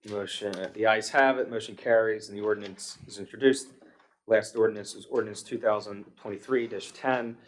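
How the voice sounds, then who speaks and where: Chairing a township meeting, an American man reads long legal text aloud in a procedural, formal manner. The setting is the township's public meeting room, and his voice sits on the low side, steady in tone and brisk.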